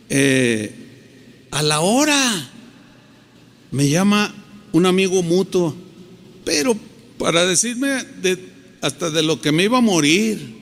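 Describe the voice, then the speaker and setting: A man's voice: sits high, fairly bright tone, in a large hall, slight background noise. A middle-aged man preaching a sermon, acting out quoted dialogue as he tells a story. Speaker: pastor.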